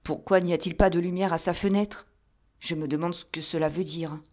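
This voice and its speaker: A fretful, fussy gentleman, voiced by a woman reading an audiobook. He talks in a raised, higher register, insistent and uneasy. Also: fairly even intonation, fairly quick, natural voice. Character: nervous fussy gentleman of means.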